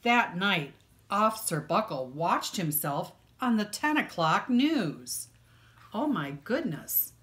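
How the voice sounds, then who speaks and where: A woman of medium pitch reads aloud to children from a picture book, as a librarian would, with expressive narration and deliberately dramatic stress on the key words.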